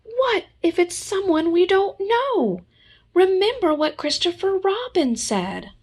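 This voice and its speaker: Timid little storybook piglet, played by a woman, anxious and earnest, high-pitched with swooping intonation. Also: sing-song, slow, exaggerated voice. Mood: alarmed. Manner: nervous, stammering when startled.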